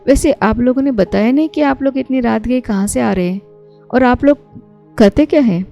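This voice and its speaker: A woman voicing a polite, curious young working woman stranded on a night road, in a mellow tone. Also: fairly high pitch, moderate pace, gravelly, faint music behind. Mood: friendly.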